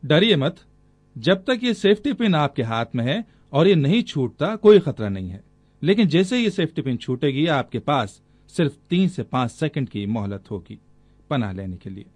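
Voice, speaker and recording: A man plays a patient squad leader explaining to his men in a dubbed film. His voice is a bit high and lively in pitch, recorded dry and close. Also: normal speed, no room sound. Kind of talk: Urdu dub acting.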